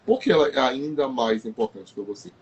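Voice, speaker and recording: A man's voice: mid-range voice, expressive, a little fast, a little mellow, muffled recording, slight background noise. A man hosting a live health stream, emphatic and repeating his key phrases. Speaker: host.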